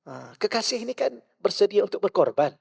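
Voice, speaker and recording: A male religious teacher with a Malaysian Malay accent, giving a mosque lecture full of rhetorical questions, shifting between loud and hushed. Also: sits high, sing-song, a little fast, creaky, slightly rough, no echo, studio quality.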